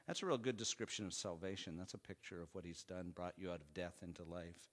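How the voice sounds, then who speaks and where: Earnest low-voiced male preacher. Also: fairly quick. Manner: earnest, rising to emphatic then dropping soft and low. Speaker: pastor. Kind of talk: sermon.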